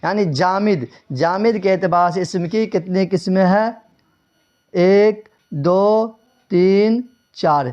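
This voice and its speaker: A man with a high, slightly mellow voice teaches Urdu grammar in an exam-prep lesson, recorded with dull lo-fi sound. He asks rhetorical questions, repeats the answers and spells English words out letter by letter.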